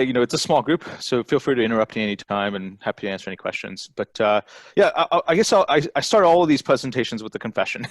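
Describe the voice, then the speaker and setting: A man's voice: fairly low pitch, dry recording. A man raised in Texas, giving an informal conference talk over a video call, chatty and sprinkled with "you know" and "right?". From born in Bangladesh, raised in Texas. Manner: conversational, tag questions and frequent fillers. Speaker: angel network CEO giving a presentation. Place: remote, presenting from home over a video call.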